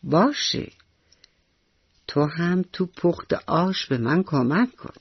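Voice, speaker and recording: A woman voicing a caring mother mouse in a calm, soft way, in a radio bedtime story. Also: fairly low pitch, slightly rough, no room sound. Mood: gentle. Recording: dull lo-fi radio recording.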